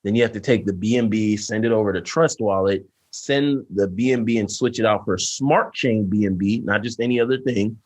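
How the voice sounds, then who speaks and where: A young man co-hosting a casual podcast, explaining things in a loose, animated way full of "like" and "you know what I'm saying". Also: fairly low pitch, a little fast, few pauses. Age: young adult. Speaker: podcast co-host. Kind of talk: casual chat.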